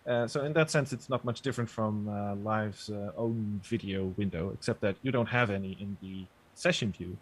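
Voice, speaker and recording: Man, guest on webcast, relaxed demo talk, lots of uhs, sits back from the mic. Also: lowish voice, moderate pace, hardly any pauses. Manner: relaxed, hesitant, many uhs. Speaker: guest software developer and producer. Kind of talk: casual explanation and demo. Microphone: video call, sits back from mic.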